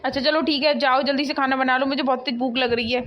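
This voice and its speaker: A woman's voice: high-pitched, fairly even intonation, fast talker, lo-fi sound, faint music behind, lightly acted. A woman voicing a nagging, easily offended elderly mother-in-law in a cartoon comedy. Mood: scolding. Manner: scolding, complaining.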